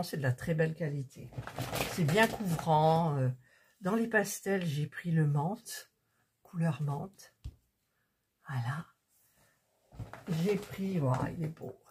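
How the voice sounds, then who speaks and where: Slow chatty French woman showing her buys. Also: deep voice, darkish tone, a little hiss or hum. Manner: chatty, talks to viewers while fiddling with items. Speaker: vlogger showing purchases. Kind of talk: casual haul chat.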